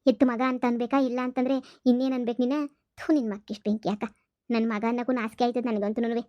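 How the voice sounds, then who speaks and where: A woman's voice: a little high, little pitch movement, quick pace, dry recording, lo-fi sound, lightly acted. Woman voicing a scolding village mother-in-law. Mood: angry. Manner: sharp, scolding, exasperated. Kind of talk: cartoon comedy dubbing.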